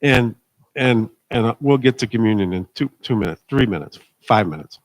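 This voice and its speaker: Middle-aged pastor preaching casually. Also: male voice, on the low side, animated, moderate pace. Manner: emphatic, asks the congregation for amens. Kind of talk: informal conversational sermon. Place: church service.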